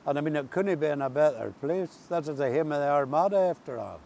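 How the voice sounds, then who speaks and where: A man's voice: quick pace, vocal fry. An older man with a rural Ulster accent, chatting and telling stories casually as an interview guest outdoors. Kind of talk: casual storytelling chat. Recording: steady background noise, outdoor rumble.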